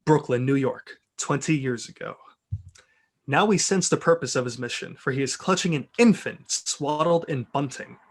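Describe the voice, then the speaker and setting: A man with a mid-range voice reads a film script's narration and stage directions aloud at a normal pace. His delivery is amused and theatrical, sprinkled with joking asides.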